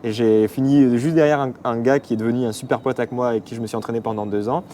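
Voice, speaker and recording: Young man from the Paris region, quick casual guest talk full of fillers, faint noise behind. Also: mid-range voice, steady tone, dark tone. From Paris region, France. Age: 20s. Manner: rapid, hesitant with many fillers. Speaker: athlete guest. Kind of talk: casual interview.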